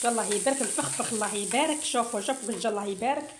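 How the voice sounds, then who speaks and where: A middle-aged Algerian woman talks her viewers through a recipe in a casual, chatty way, looping back over the same phrases as she works. Her voice sits a little high, and it echoes around a roomy home kitchen. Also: racing, noisy background. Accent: Algerian Arabic. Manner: chatty, repeats phrases, keeps addressing the viewers as "girls". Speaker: cooking channel host. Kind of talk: casual cooking tutorial. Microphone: phone camera, filming herself. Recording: roomy echo.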